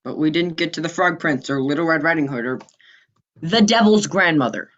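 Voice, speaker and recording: A woman's voice: sits low, fairly quick, fairly bright tone. A woman playing an appalled fellow storyteller in comic stage dialogue. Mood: appalled, resigned. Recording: dull, muffled stage recording.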